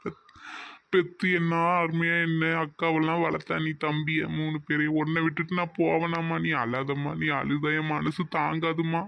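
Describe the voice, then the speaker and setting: A man's voice: fairly high pitch, level tone, moderate pace, vocal fry, fairly bright tone, no room sound. A man voicing a devoted young husband and son in a family cartoon, consoling and pleading. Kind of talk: cartoon voice acting.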